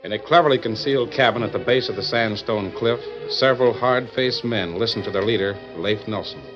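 A man's voice: fairly low pitch, a little fast. A man giving dramatic scripted narration for an old-time western story. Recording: dull lo-fi recording with music.

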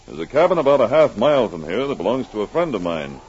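An actor playing a dutiful, calmly authoritative Mountie sergeant with firm, measured speech in an old radio adventure. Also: male voice, lowish voice. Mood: assured. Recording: dull, noisy old radio recording.

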